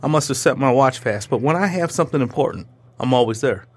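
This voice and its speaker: A man in casual conversation who rambles from story to story, jokes often and stumbles over his words. He speaks at a middle pitch and tosses in little sound effects as he goes. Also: fast talker, no echo. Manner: animated, joking, rambling with restarts; throws in playful sound effects. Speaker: interview guest.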